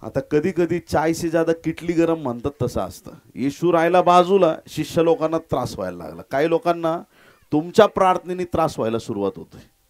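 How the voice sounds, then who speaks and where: A man preaching a sermon as pastor, fervent and dramatic, swinging from loud, rising cries to hushed, low asides. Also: animated, fairly quick.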